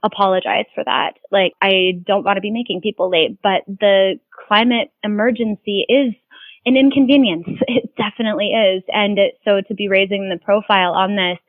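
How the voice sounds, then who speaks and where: A woman answers interview questions in an earnest, rambling way, restarting her sentences often. Her voice sits at a middle pitch. It comes through a tinny, phone-like line with a dry sound. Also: fairly even intonation, moderate pace, no room sound. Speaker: climate activist being interviewed.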